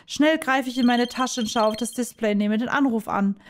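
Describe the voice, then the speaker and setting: Soft-voiced woman reading a story game. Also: fairly high pitch, normal speed, a little hiss or hum. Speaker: let's player reading a visual novel. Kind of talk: expressive first-person game narration.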